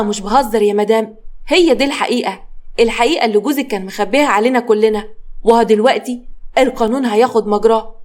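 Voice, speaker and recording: A woman's voice: fairly high pitch, close to an everyday voice. A woman voicing a vengeful man with an Egyptian accent, harsh and accusing. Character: vengeful man avenging his father.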